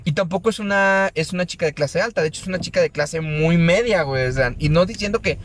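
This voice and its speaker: A man's voice: sits high, fast talker. A young Mexican man hosting a casual podcast while driving, a joking storyteller who swears freely. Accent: Mexican Spanish. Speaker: podcast host. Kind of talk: casual chat. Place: driving a car. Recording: faint car noise.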